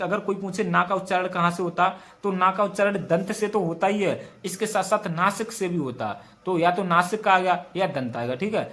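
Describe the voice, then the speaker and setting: A high-pitched young man with a western Uttar Pradesh Hindi accent runs an exam-prep grammar lesson. He drills his mnemonics aloud and comes back to the same points again and again. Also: a bit bright. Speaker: teacher.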